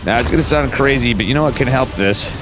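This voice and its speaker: A man's voice: mid-range voice, quick pace, music in the background, low-quality recording. A man with a cold and a whistling nose giving casual, slangy live esports commentary. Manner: informal, slangy, chatty. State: stuffed up with a cold.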